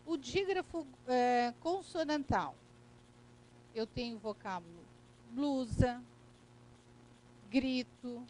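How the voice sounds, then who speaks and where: A woman's voice: a little high, lively intonation, takes it slowly, pauses often, darkish tone, slight background noise, low-quality recording. A woman with a Brazilian Portuguese accent teaching a recorded grammar lesson, explaining step by step and checking in with "né?" and "correto?".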